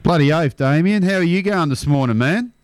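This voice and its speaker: A man's voice: fairly high pitch, lively intonation, fairly quick, dry recording. An Australian man co-hosting a radio show, chatting casually in a matey, slangy way.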